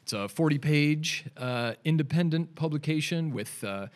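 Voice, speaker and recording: The voice is a little high and expressive, at a moderate pace: a man in his forties with a Canadian accent, guesting on a podcast in a studio. A digital artist, he talks loosely and laid-back in casual interview chat, rambling with many fillers and restarts.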